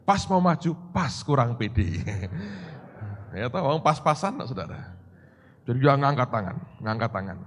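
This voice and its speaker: A man preaching a sermon as a pastor, telling stories with lively acted-out dialogue and chuckles. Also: medium pitch, measured pace, a little hiss or hum. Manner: animated storytelling, acts out dialogue, chuckles. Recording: long church hall reverb.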